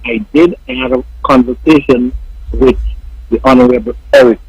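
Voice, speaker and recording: A man's voice: mid-range voice, level tone, normal speed, darkish tone, dry recording. A man from Saint Kitts, calling a talk radio show over the phone and speaking formally to the host. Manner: formal, keeps addressing the host as Mister. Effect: heard over a phone line. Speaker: radio call-in caller. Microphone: telephone. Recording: dry, husky phone-line audio.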